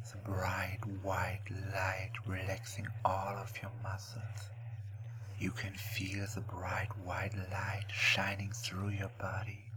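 A man speaking as a slow, soothing hypnotist in a hushed, breathy voice, guiding relaxation with long pauses. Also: deep voice, background noise. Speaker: hypnosis recording narrator. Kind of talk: guided relaxation hypnosis narration.

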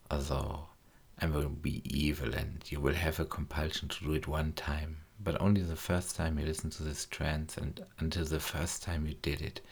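In this trance recording, a male hypnotist's very deep, creaky voice carries a breathy edge. He talks slowly and gently, repeating coaxing lines and frequently sinking into a whisper.

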